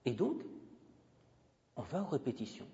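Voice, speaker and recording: A man's voice: medium pitch, huge pitch swings, measured pace, dark tone, slightly rough. A man giving a university lecture into a handheld microphone, emphatic and digressive, talking freely with the audience. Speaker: guest lecturer. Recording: dull lo-fi recording with long hall reverb.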